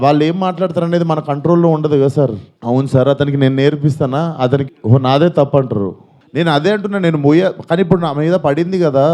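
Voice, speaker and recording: A man's voice: a little high, warm tone. A man, making an earnest, pleading statement at a press conference and repeating his points. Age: 20s. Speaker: film actor at a press meet.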